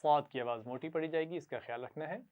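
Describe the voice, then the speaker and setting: A man teaching children Quran reading, patiently sounding out syllables for them to repeat and praising them often. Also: on the high side. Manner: patient, repeats syllables slowly for pupils to echo; frequent praise. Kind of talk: classroom lesson to children. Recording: tinny phone-like sound.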